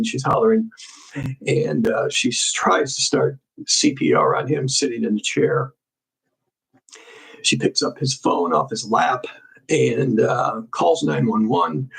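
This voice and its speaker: A man hosting a crime investigation show, casually walking through a case in halting speech full of ums and restarts. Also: medium pitch, vocal fry, breathy edge, poor audio.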